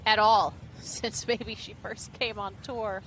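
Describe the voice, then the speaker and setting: A woman's voice: mid-range voice, fairly even intonation, slow pace, a bit bright. A woman giving short on-course golf commentary on shots and putts. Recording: noisy outdoor course sound.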